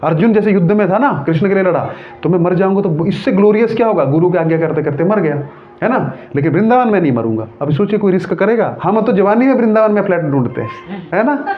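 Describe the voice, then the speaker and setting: Animated Hindi preacher man, tinny phone-like sound. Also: sits high, fast, slight background noise. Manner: animated storytelling with frequent "है ना?" prompts to listeners. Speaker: monk preacher. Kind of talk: devotional sermon.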